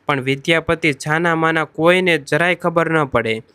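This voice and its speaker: A man's voice: fairly high pitch, normal speed, sharp tone, clear, resonant tone, no echo. A man narrating a devotional story, addressing listeners as devotees with emotive delivery.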